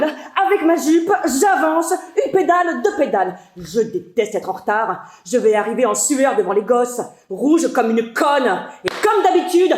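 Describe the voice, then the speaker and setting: An actress in her twenties performing a stage monologue as a frazzled young after-school worker, in a rhythmic, breathless delivery with sudden outbursts. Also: fairly high pitch. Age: 20s. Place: stage at a theatre festival. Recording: echoey live hall.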